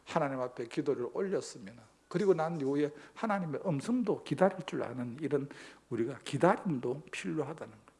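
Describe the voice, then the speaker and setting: A man's voice: on the high side, expressive, a little fast, vocal fry, few pauses, a little mellow, breathy edge. A male pastor, preaching a sermon emphatically and posing rhetorical questions to the congregation.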